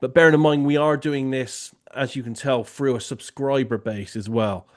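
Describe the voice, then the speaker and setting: A man who works as a remote viewing tasker hosts a casual online question-and-answer session, talking loosely with many "you know" fillers. His medium-pitched voice has fairly even intonation at normal speed.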